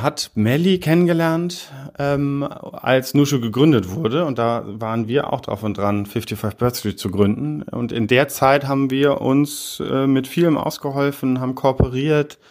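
A middle-aged man from Heidelberg speaks as a podcast guest, with a voice of ordinary pitch for a man. He talks in a measured, thoughtful way and often pauses on fillers while he gathers his thoughts. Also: a little mellow. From Heidelberg, Germany. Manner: measured, hesitant with frequent fillers. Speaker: podcast guest, business consultant. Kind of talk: podcast interview.

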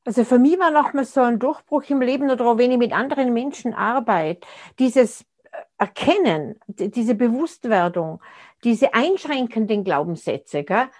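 Speaking at a moderate pace, this woman in her 60s has a slightly high, animated voice. She's an interview guest who reflects aloud conversationally, frequently starting her sentences over as she searches for the right words.

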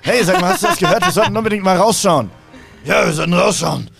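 A man voicing panicking guards in a high, loud, shouting voice. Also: huge pitch swings, fast, vocal fry, breathy edge, faint music behind, exaggerated voice. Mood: alarmed shouting. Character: panicking male guards and thugs, loud and shrill.

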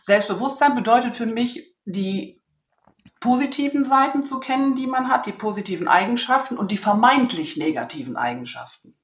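A woman's voice: fairly high pitch, lively intonation, moderate pace, reverberant. A woman, a communication trainer, talking casually and self-assuredly in an interview, acting out little dialogues from her anecdotes.

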